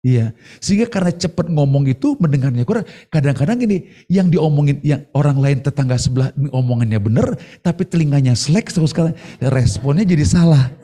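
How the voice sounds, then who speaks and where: Animated male preacher, mellow voice. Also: fairly high pitch, fast talker. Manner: animated preaching with playful acted-out dialogue. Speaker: pastor. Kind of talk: sermon. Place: church service streamed online.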